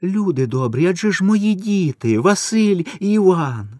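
A man's voice: sits high, lively intonation, unhurried, darkish tone, dry recording, clean studio sound, voice pushed up. A man voicing a desperate pleading peasant mother. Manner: pleading, tearful.

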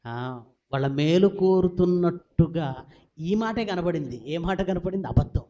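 A man's voice: high-pitched, animated, unhurried, warm tone, highs cut off. A man pastor preaching a sermon to a packed hall, asking the congregation questions and answering them himself, with sudden rises and drops in volume. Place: large church hall with about four hundred people.

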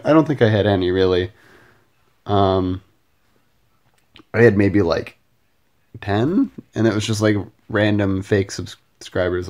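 A man's voice: on the low side, darkish tone. A man talking casually to his camera late at night in a rambling way, full of fillers and self-deprecating asides. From Canada. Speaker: vlogger. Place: home at night. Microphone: camera mic.

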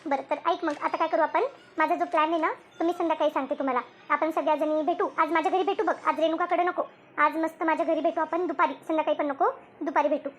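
A woman's voice: sits high, fairly even intonation, fast, close to an everyday voice. Shantabai, a woman-voiced bossy cartoon villager. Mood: explaining. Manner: explains at length, bossy. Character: bossy chatty village woman, group leader. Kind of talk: cartoon voice acting.

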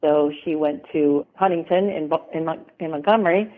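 Her voice is deep and her pace normal: a middle-aged former model from the American South, rambling and often laughing as a guest in a casual interview. It comes through a tinny phone line.

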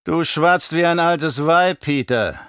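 A man's voice: a little high, expressive, unhurried, fairly bright tone, smooth, dry recording, clean studio sound, voice pushed up. A man putting on a cold, growling baron. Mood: menacing. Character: scheming, menacing middle-aged male baron.

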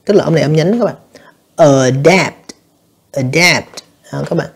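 A male teacher walks students through an exam review lesson. His voice is husky and a bit gravelly, and he speaks fast. He keeps explaining and turning to his listeners as he goes. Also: fairly high pitch, warm tone. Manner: explanatory, addresses students repeatedly, frequent fillers. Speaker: English teacher.

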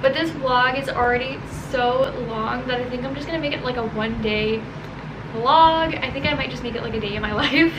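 A woman's voice: fairly high pitch, fast talker, few pauses. A young adult American woman chatting casually and informally to her vlog viewers, recorded indoors at home. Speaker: vlogger. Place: small bedroom and home kitchen, indoors. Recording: steady fan noise behind home recording. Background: whirring room fan.

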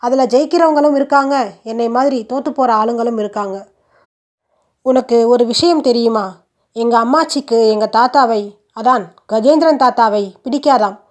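Brief: woman reading as a possessive young suitor, persuasive and teasing, high voice. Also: lightly acted.

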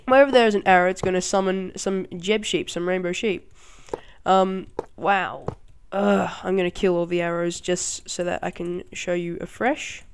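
Casual game-tutorial host, excitable, laughs and exclaims easily, rambling and chatty delivery. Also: medium pitch, normal speed, slight background noise. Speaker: channel host.

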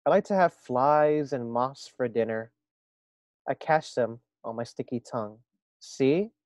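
A man's voice: medium pitch, expressive, measured pace, a little mellow, no room sound, close to an everyday voice. A man reading a picture book aloud, voicing a fussy, bossy little male frog who refuses to become a prince.

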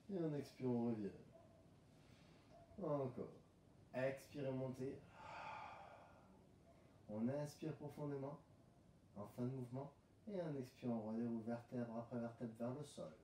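A man leading a home pilates class, calmly calling out breathing cues and movements. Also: mid-range voice, a little slow, long pauses, slight background noise. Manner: calm coaching cues, breath counting. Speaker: pilates instructor. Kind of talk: guided workout instruction. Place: room at home. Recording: roomy, distant camera mic.

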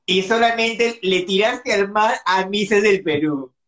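A woman's voice: medium pitch, slow, fairly bright tone, dull audio, a little hiss or hum. A woman hosting a casual live-stream interview over a video call, giggly and teasing, with dramatic exclamations. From Peru. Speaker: host.

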